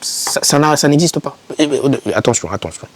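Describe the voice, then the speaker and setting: Brisk and expressive, with a fairly high pitch, a young man talks to the camera to motivate foreign students. His casual advice comes out emphatically, with key words repeated for encouragement, in YouTuber style.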